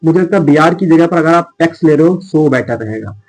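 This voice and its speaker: A man's voice: fairly high pitch, lively intonation, a little fast, a little mellow, poor audio. A man teaching chemistry in a casual, chatty lecture style, talking to students as he writes.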